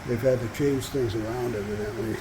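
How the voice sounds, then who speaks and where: A man's voice: mid-range voice, fairly even intonation, brisk. A man chatting casually as he narrates a travel vlog. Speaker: travel vlogger. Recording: noisy handheld travel video.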